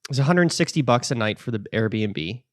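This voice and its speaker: Swearing podcast co-host. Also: male voice, mid-range voice, lively intonation, a little fast, no room sound, studio quality. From Canada. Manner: profane, laughs often, storytelling. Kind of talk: casual podcast chat.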